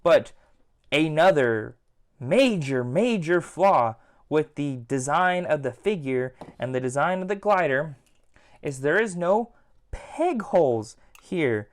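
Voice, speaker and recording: Casual male toy reviewer, slightly higher voice, talks loosely and circles back on his points. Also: lively intonation, slow pace. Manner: chatty, rambling, repeats "again" and "like".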